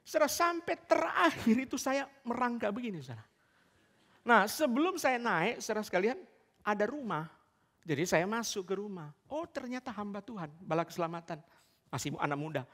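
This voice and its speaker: A man's voice: high-pitched, big pitch swings, brisk, fairly bright tone. A male pastor preaching a sermon to his congregation, telling stories and often turning to address his listeners directly. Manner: storytelling, keeps addressing the congregation as "saudara". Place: church service. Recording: long church reverb.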